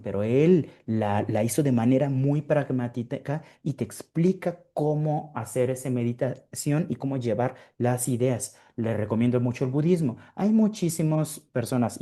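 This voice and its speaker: A man's voice: mid-range voice, mellow. A man presenting a webinar lecture, explaining in a conversational way with frequent fillers and tag questions, over a computer microphone. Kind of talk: informal online lecture.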